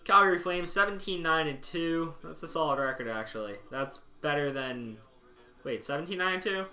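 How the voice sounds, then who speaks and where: A man's voice: fairly high pitch, normal speed, sharp tone. A young man live-streaming, chatting casually and wryly to his chat, rambling as he thinks aloud. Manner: rambling, wry, talks to chat. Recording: echoey room.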